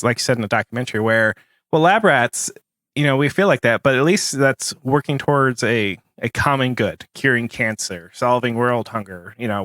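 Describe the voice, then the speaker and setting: A man's voice: medium pitch, dry recording, studio quality. Sarcastic man co-hosting a podcast. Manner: sarcastic, animated. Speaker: podcast co-host. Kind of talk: casual conversation.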